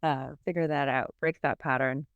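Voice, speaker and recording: A woman's voice: very deep voice, fairly even intonation, moderate pace, no room sound, narrow, tinny audio. A woman hosting a podcast interview, upbeat and affirming. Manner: upbeat, affirming, laughs often. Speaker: podcast host.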